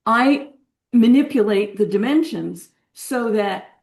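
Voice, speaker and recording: A woman's voice: fairly high pitch, expressive, slow, vocal fry, darkish tone. A woman sharing her experience as a participant on a group video call, chatty and meandering. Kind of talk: casual chat.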